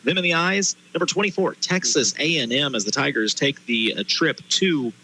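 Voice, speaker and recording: Bright, forceful male sports radio host. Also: on the high side, expressive, moderate pace, a little hiss or hum, low-quality recording. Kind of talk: live sports broadcast chat and promos. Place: stadium press booth.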